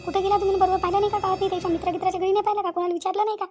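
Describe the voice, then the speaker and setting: A very high, thin voice belongs to a frantic young village bride in a cartoon, with a woman putting her on. She pleads and repeats herself, guilty and close to tears. The pitch sits far above an ordinary speaking voice. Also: little pitch movement, rapid-fire, darkish tone, faint music behind. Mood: worried. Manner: pleading, repetitive wailing. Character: anxious young village daughter-in-law, tearful, guilty. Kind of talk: cartoon voice acting.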